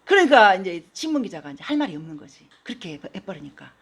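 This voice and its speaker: A woman pastor preaching a sermon in a church, telling stories with animated, acted-out quotes. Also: medium pitch, fast, husky. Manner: animated storytelling, acting out quoted voices. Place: church sanctuary.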